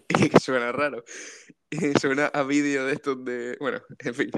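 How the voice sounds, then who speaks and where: A man's voice: medium pitch, level tone, measured pace, a bit bright, dry recording. A man from co-hosting a casual comedic podcast, telling stories, laughing often and acting out quotes. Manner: jokey storyteller, laughs often and acts out quotes. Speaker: podcast co-host.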